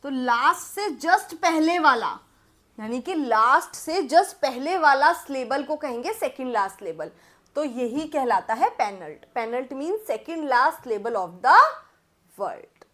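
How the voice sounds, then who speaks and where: A woman teacher with an Indian accent explains English vocabulary terms, switching between Hindi and English. Her voice sits high, and she speaks at an unhurried, dictating pace, repeating phrases while writing them out for students she calls "beta". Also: animated, a bit bright. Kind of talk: classroom vocabulary lesson, Hindi mixed with English.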